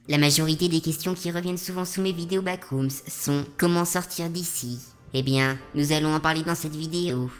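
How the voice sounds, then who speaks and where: A woman as a low deadpan robot narrator. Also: close to an everyday voice. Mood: deadpan, matter-of-fact. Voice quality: synthetic robot voice. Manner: deadpan, measured. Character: deadpan robot vlogger, calm, darkly joking. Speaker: channel host. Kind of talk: scripted narration in a fictional vlog.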